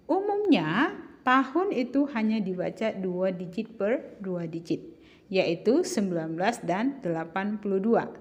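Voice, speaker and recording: A woman tutor explaining patiently to children, asking questions and answering them herself. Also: medium pitch. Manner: patient, addresses pupils as children, asks and answers own questions. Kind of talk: slow classroom explanation.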